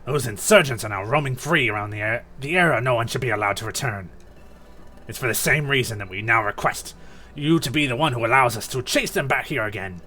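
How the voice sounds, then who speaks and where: A man's voice: mid-range voice, a little fast, pushed and bright, lightly acted. A man voicing a grave, groveling male ghost servant from a video game who pleads with his master in formal words. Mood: pleading.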